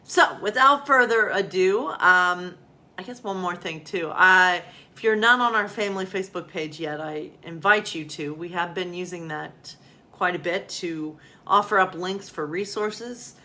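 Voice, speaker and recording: A woman pastor with a lowish, bright voice and a forceful tone speaks at a measured pace. She chats casually and a bit ramblingly with her listeners as if they were friends, and she reads children's bedtime stories aloud.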